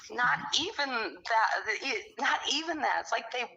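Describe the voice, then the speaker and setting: A woman in casual chat, talking bluntly and swearing freely as she tells animated stories. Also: fairly high pitch, measured pace, gravelly, breathy edge. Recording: dull lo-fi recording.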